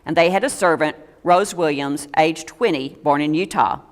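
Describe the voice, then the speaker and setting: A woman's voice: sits low, moderate pace, big-room sound. A woman giving a local history talk to an audience in a meeting room, reading steadily from notes with small stumbles and dry asides.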